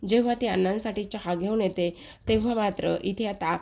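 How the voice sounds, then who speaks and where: A woman's voice: medium pitch, brisk, vocal fry, darkish tone. A woman narrating a casual recap of a TV serial episode, retelling the scenes in a running present tense and speaking straight to her viewers.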